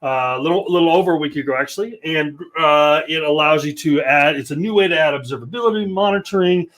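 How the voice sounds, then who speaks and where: Male host, casual live tech demo from a home office, joking and loose, voice sits high. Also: fast talker, a bit bright. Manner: joking, rambling, self-deprecating. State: slightly out of breath. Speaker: host of a developer livestream.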